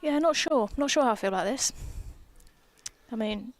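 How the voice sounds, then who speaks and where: A woman's voice: a little high, expressive, normal speed, no room sound. A young woman, a professional cricketer, co-commentating live cricket on a headset outdoors, chatty and teasing. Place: outdoors under a gazebo at a cricket ground.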